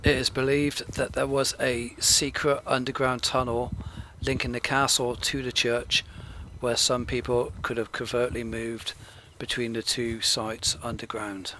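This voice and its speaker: Flat-toned bright male documentary narrator. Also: mid-range voice, a little hiss or hum. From Gloucestershire, England. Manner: steady, measured, informative delivery.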